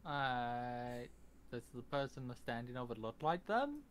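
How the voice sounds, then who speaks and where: A man's voice: medium pitch, animated, measured pace. Male player, playful and jokey, light room noise behind. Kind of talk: casual tabletop game chat.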